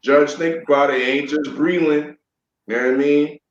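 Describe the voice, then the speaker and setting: A man co-hosting a casual boxing talk show, speaking in a halting way with frequent restarts. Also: fairly high pitch, fairly even intonation, reverberant, muffled recording. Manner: halting, many fillers and restarts. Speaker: podcast co-host.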